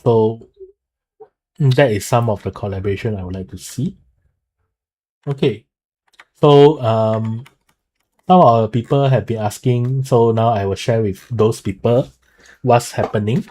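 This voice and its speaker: A man giving casual live game commentary in a halting, explanatory way, often checking himself with okay and so. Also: mid-range voice, mellow, rough recording. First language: not Mandarin; speaks it haltingly. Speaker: streamer and video creator explaining a game.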